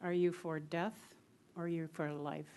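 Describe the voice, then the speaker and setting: A woman with a fairly low voice reads a prepared public comment at a city council meeting. She speaks earnestly and keeps to her written statement. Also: level tone, measured pace, darkish tone, a little hiss or hum.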